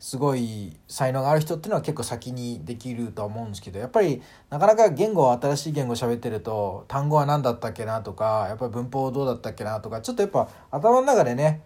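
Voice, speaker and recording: A man hosting a casual solo audio talk, animated and full of fillers, acting out sounds as he explains. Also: medium pitch, quick pace, few pauses. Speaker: podcast host.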